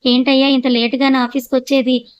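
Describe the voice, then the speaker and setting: A woman's voice: sits high, flat delivery, brisk, clear, resonant tone, no room sound, highs cut off, lightly acted. A woman voicing a stern, scolding male office manager in an audio story. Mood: reproachful. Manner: reproachful.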